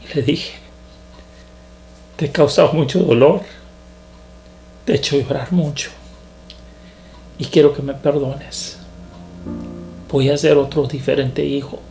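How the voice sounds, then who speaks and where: A man, a preacher, telling his testimony in a sermon in an earnest, halting way that repeats words. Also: on the high side, steady tone, creaky, mellow, soft background music.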